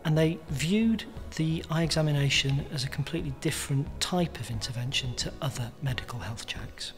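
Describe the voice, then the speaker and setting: A man speaking as a charity spokesperson, formally explaining research findings. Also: mid-range voice. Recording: soft music bed behind the voice.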